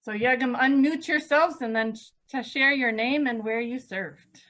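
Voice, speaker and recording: A woman's voice: fairly high pitch, moderate pace, a bit bright. A woman pastor hosting an online presentation, explaining informally with many fillers over a video call. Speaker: pastor and program coordinator, host.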